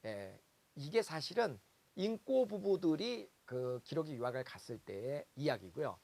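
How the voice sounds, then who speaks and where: A man giving a lively seminar lecture, telling stories and acting out the voices of parents. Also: fairly high pitch, unhurried, gravelly. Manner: animated storytelling, acts out parents' voices, exclaims.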